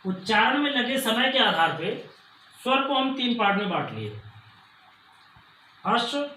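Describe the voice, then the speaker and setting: A man teaching a grammar lesson, explaining slowly and repeating key points. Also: very high-pitched, very animated, pushed and bright, echoey room, far from the mic, rough recording. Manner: slow, repetitive explaining.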